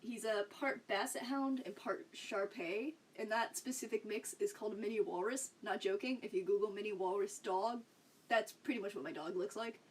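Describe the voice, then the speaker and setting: A woman's voice: mid-range voice, normal speed. Chatty young woman, a bit off-mic. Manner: rambling, chatty, laughs often. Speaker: livestreamer. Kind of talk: casual chat with stream viewers. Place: home room. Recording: slightly distant mic, faint background noise.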